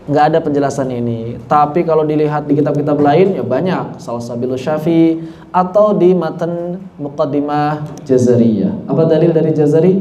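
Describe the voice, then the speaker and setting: A man with an Indonesian accent teaching a tajwid lesson online, asking questions and answering them himself, chanting Quran examples slowly and adding chatty asides. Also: fairly high pitch, warm tone, slight background noise. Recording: echoey room with faint ambience.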